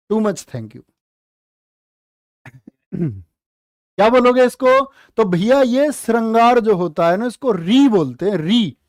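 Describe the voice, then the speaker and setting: A man teaching a live online exam-prep class, joking with students and stretching words out slowly. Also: sits high, a little mellow, dry recording, clean studio sound. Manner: playful, teasing, drawn-out spelling of words. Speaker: Hindi teacher.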